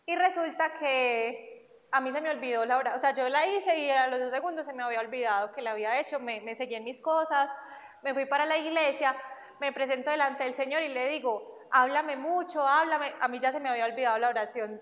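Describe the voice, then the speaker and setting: A woman's voice: high voice, fast. A young woman gives an emphatic personal faith testimony. She repeats key phrases and acts out the dialogue she recounts. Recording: dull recording with long hall reverb.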